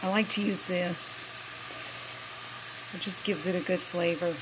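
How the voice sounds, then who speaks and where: A woman's voice: lowish voice, steady tone, a little slow, background noise. A woman narrating a home cooking vlog in a friendly, explanatory way, recorded in her kitchen with a handheld camera. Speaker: cooking vlogger.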